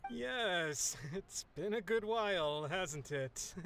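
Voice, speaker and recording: An actor playing a nervous, flustered sailor captain in a video game, halting and stammering. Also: male voice, high voice, expressive, vocal fry, fairly bright tone, slight background noise, heavily acted. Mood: nervous, awkward.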